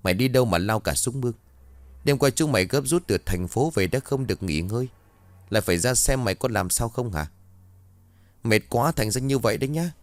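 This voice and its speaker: A man voicing a gruff older clan elder who scolds and grumbles at his family. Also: mid-range voice, animated, brisk, no echo, natural voice. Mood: scolding.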